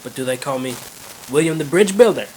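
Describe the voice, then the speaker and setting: A man's voice: fairly high pitch, lively intonation, fairly quick, a little mellow, lightly acted, poor audio. A man doing an imitation Irish accent for a boastful drunk pub regular in a joke. The accent is uneven. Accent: Irish, imitated and slipping. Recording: rain noise in background.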